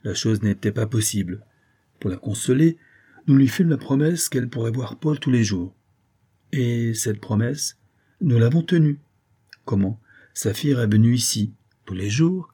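A man reading an audiobook and voicing a loyal gentleman baron who explains matters calmly and persuasively. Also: mid-range voice, normal speed, breathy edge.

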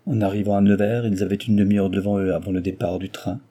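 A man's voice: lowish voice, husky. A man steadily reading a classic novel aloud as narrator. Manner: steady and measured. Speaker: audiobook narrator.

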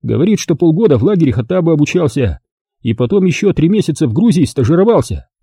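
A man voicing a brutal, loud army brigade commander who talks harshly and threateningly in an audiobook. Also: a little high, big pitch swings, quick pace, breathy edge, dry recording, studio quality, voice pushed up, heavily acted. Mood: reporting. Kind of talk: audiobook character voice.

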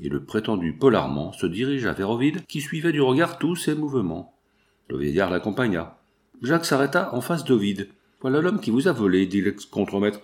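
A man narrating a classic novel aloud in a measured, expressive storytelling manner. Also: on the low side. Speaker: audiobook narrator.

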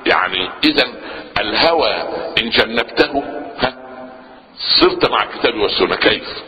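A man preaching a lively sermon in an Egyptian accent, firing questions at his listeners, answering them himself and stumbling into restarts. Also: on the low side, normal speed, long reverb tail, lo-fi sound. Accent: Egyptian Arabic. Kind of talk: Islamic sermon lesson.

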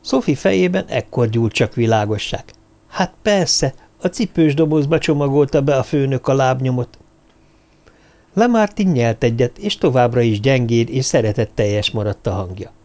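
Expressive male audiobook narrator. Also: medium pitch. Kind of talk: scripted narration.

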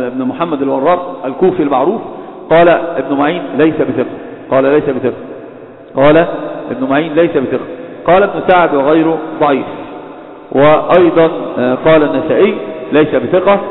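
A man delivers a religious lecture at a rapid clip, pausing often to correct himself. His voice sits a little high. It comes through a tinny, phone-like line with long hall reverb. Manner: frequent hesitations and self-corrections. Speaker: lecturer on hadith criticism.

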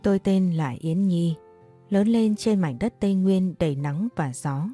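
A young adult woman telling a first-person life story in a calm, even narrating voice. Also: on the low side, measured pace, faint music behind.

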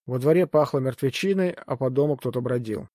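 Mellow-voiced male audiobook narrator. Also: mid-range voice, dry recording, studio quality. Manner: steady, measured storytelling. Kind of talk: scripted first-person narration.

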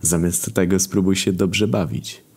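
A man voicing Charon, a calm, wry skeleton ferryman. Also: low-pitched, measured pace, slightly rough, heavily acted.

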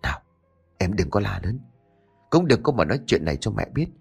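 A man's voice: lowish voice, sing-song, brisk, creaky, husky, soft background music, voice pushed down, full character voice. A man reading the part of a stern, protective older brother who talks bluntly and gives orders. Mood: hushed urging. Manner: blunt, commanding.

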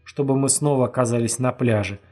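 A man voicing a frightened young man who pleads tearfully, with a husky voice. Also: medium pitch, brisk, a little mellow, lightly acted.

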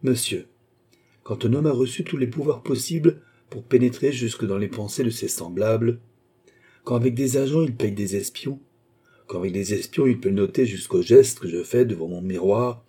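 A man's voice: fairly low pitch, normal speed, warm tone, slightly rough. An indignant queen, read by a man. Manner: indignant, commanding. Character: haughty angry young queen. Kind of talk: audiobook reading.

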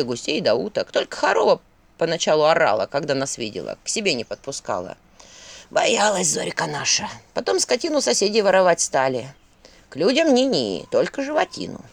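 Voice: medium pitch, creaky, fairly bright tone, no room sound, exaggerated voice. A reader voicing a weary peasant man turned ghoul who tells his story with heavy sighs in a spoken fairy tale. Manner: heavy, sighing confession.

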